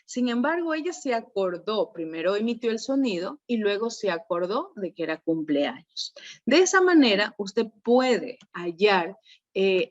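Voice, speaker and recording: A woman with an Ecuadorian Spanish accent leading a virtual workshop, lively and often questioning her audience. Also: medium pitch. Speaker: workshop leader. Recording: dull lo-fi online call audio.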